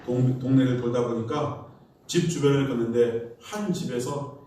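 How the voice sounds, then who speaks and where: A man's voice: mid-range voice, steady tone, normal speed, dark tone, heavy reverb, distant mic, a little hiss or hum. A man preaching a Sunday sermon as pastor, a storyteller who acts out the voices of people in his stories. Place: church sanctuary.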